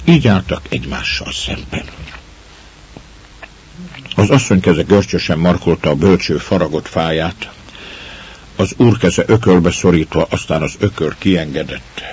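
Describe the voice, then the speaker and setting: A man reading a story aloud as narrator, with slow, dramatic storytelling, on a slightly muffled recording. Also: deep voice, lively intonation, a little mellow, slight background noise. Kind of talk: audiobook narration.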